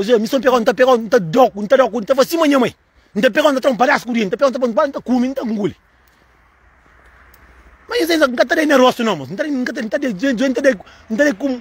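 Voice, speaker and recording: A Cape Verdean man talks fast and emphatically in a casual monologue to the camera, repeating himself and calling the listener "moço". His voice sits very high and sounds husky and breathy. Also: lively intonation, dry recording. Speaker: channel host.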